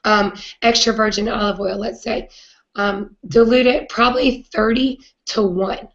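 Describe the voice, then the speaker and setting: A woman with a raspy, hoarse voice from a cold, hosting a live video chat in an earnest way with many "um" fillers. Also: mid-range voice, steady tone, a little slow, fairly bright tone, muffled recording. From not British. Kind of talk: casual live-stream talk.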